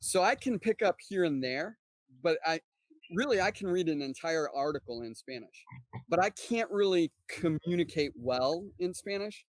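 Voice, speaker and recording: A man's voice: fairly high pitch, lively intonation, normal speed, dry recording. A man from South Texas hosting a casual interview podcast, asking friendly questions and sharing his own stories. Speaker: podcast host.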